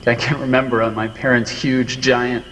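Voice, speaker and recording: A man reminiscing in a relaxed, rambling way. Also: medium pitch, moderate pace, long reverb tail, slight background noise, low-quality recording. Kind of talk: casual reminiscing interview.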